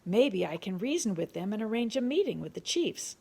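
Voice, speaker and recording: A woman voicing a steady, determined male doctor-explorer who talks earnestly and reasons with others. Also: medium pitch, fairly quick, gravelly, slightly rough, full character voice. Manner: earnest, reasoning, peace-seeking.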